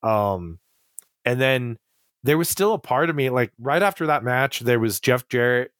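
A man's voice: medium pitch, animated, moderate pace, fairly bright tone, no room sound, clean studio sound. A middle-aged man telling stories in a casual, rambling way, full of fillers and restarts. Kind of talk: casual conversational storytelling.

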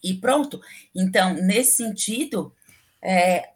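A middle-aged civil engineering professor from southern Brazil, speaking with a southern Brazilian Portuguese accent, is a guest in a casual interview. Her voice is mid-range and she takes it slowly, chatty and opinionated with plenty of fillers.

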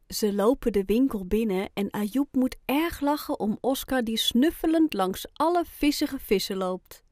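A woman reads a children's story aloud at an unhurried pace. Her voice sits a little high, and she phrases the story gently and clearly. The recording is dry and close, with no room sound. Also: expressive, no room sound. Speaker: audiobook reader.

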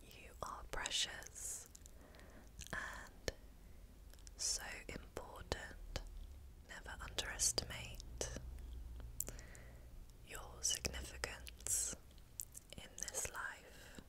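A woman giving an ASMR pep talk of affirmations in a breathy whisper close to the microphone, soothing and encouraging, with pauses. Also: rough recording.

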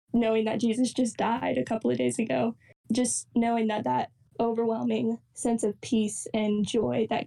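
Earnest young woman, gravelly, far from mic. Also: a little high. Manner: earnest, unhurried, with soft fillers. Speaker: campus ministry coordinator. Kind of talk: reflective devotional talk.

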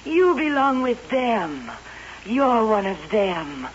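Solemn, slow-spoken mystical princess. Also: female voice, fairly high pitch, big pitch swings. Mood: urging. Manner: solemn, portentous, deliberate. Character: mystical wax fortune-teller princess come alive, commanding, seductive. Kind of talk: old-time radio drama acting. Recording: hissy, muffled old radio recording.

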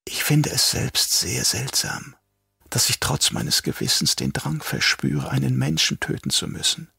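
Man voicing a crazed old traitor doctor, whispery, drawn-out, gravelly, husky, slightly raised pitch, audiobook. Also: big pitch swings, sharp tone, no echo, studio quality, heavily acted. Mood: sly menace. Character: old male traitor doctor, mad, sly, soft-spoken.

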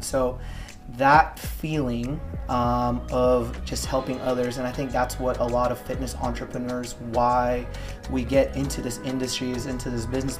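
A man in his thirties from Hawaii, a gym owner talking casually and reflectively as an interview guest, with many ums and likes. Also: medium pitch. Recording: music bed under voice.

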